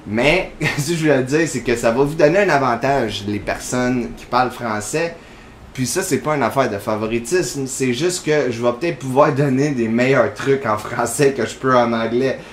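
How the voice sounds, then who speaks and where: A man's voice: medium pitch, moderate pace, roomy sound, slight background noise. Quebec French man chatting over gameplay. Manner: chatty, rambling, full of fillers. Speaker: gaming channel host. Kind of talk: casual gameplay commentary.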